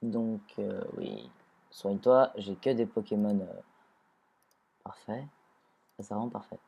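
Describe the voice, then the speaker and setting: A man's voice: on the low side, measured pace, creaky, warm tone, husky. A man giving casual, rambling gameplay commentary, often restarting sentences and talking to the creatures in the game. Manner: rambling, self-correcting, talks to his creatures.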